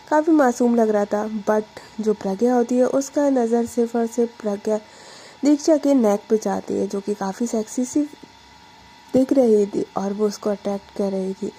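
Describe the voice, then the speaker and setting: A woman's voice: mid-range voice, warm tone, breathy edge, poor audio. A woman storyteller narrating a romance story in a chatty, casual way, dropping in English fillers.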